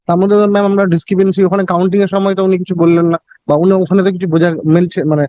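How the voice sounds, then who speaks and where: A man with a Bengali Indian accent answering in court as an election officer, deferential and defensive, with halting repeated words. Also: sits high, little pitch movement, mellow, dry recording, muffled recording. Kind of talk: answering questions in a court hearing.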